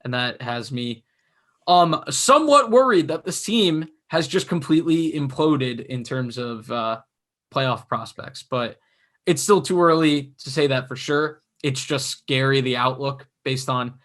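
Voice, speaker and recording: A young man co-hosting a casual sports podcast, chatty and analytical, his voice going hoarse. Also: mid-range voice, animated, measured pace, fairly bright tone. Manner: chatty, analytical, self-mocking. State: losing his voice. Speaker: podcast co-host.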